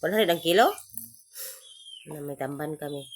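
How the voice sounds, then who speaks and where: A woman with a Visayan Filipino accent who has just woken up, chatting casually in a home vlog, groggy, hoarse and congested from a cold. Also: sits low, moderate pace. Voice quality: stuffy nasal, congested. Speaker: vlogger. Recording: noisy home recording. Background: noisy chickens.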